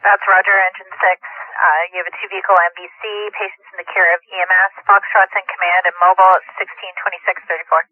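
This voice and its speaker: A man's voice: high voice, little pitch movement, fast, hardly any pauses, no echo. A male fire dispatcher gives formal, clipped procedural announcements over a two-way radio. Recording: narrow-band dispatch radio.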